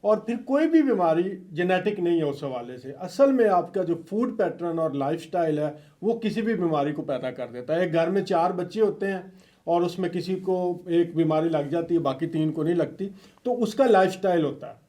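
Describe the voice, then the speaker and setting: A man with a fairly high yet mellow voice, speaking as a health guest. He explains in a deferential, patient way. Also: expressive, normal speed. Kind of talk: casual health talk.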